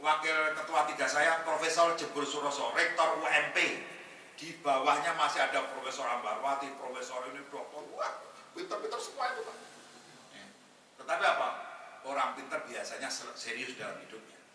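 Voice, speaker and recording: The guest speaker, head of a national Muhammadiyah institute, delivers a jokey, lively religious talk, bantering with the crowd and quoting Arabic verses. His mid-range voice moves at normal speed and is caught by a distant mic in an echoey hall with faint noise.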